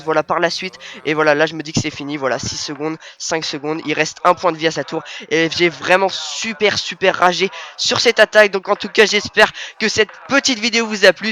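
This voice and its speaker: A man's voice: on the high side, bright, forceful tone. A man casually commenting over a video game as the host, often repeating himself and leaning on verbal tags.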